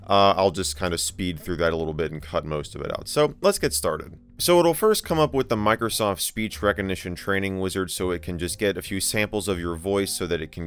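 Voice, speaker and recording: Low, smooth-voiced man hosting tech videos. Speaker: host of a tech video channel. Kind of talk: casual narrated software demo.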